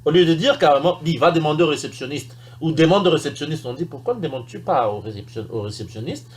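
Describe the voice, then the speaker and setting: Lively high-voiced man teaching English. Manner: explains slowly, repeats English example sentences with emphasis. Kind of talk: recorded language lesson.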